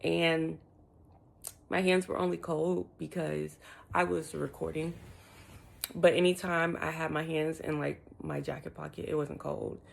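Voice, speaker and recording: A woman chatting casually to her vlog viewers in an informal, expressive way, her speech slightly lisped and muffled from wearing retainers. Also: low voice, measured pace, vocal fry. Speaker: lifestyle vlogger.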